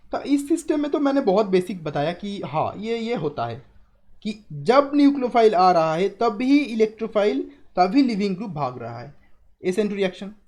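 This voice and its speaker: A young adult man with a high, slightly mellow voice teaches chemistry in a live online class. He explains things step by step, repeats key terms and asks his students questions.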